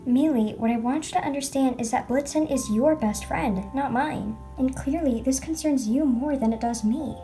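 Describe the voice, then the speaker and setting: Woman voicing a measured advice-giving young female toy pet, lecturing, high voice, faint music. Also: warm tone, close to an everyday voice.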